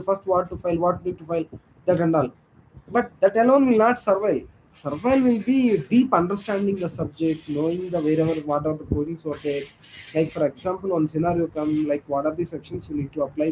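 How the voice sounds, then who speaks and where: High-pitched man with a Telugu accent. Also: warm tone, slight background noise, poor audio. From South India. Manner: emphatic, repeats words for stress. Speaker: tax litigation advocate. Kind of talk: informal professional discussion.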